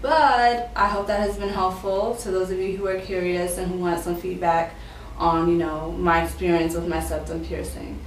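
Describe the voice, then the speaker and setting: A woman in her twenties speaks in a slightly low voice, casually sharing personal experience as a vlogger. Her speech is slightly affected by a retainer. The recording is roomy and echoey, with the mic some way off. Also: fairly even intonation, moderate pace. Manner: conversational storytelling, acting out quoted exchanges. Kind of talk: casual chat to camera. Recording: roomy echo, distant mic, faint noise.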